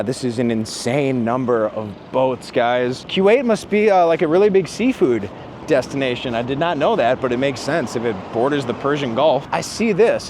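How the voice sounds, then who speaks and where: A man filming a casual travel vlog while walking around a city waterfront and a busy market, talking excitedly with lots of fillers. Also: medium pitch. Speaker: travel vlogger. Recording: loud street and traffic noise.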